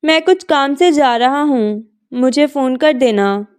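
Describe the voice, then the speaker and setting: A woman's voice: high-pitched, a little mellow. A woman reading a novel aloud, voicing a worried middle-aged father. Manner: worried, hurried.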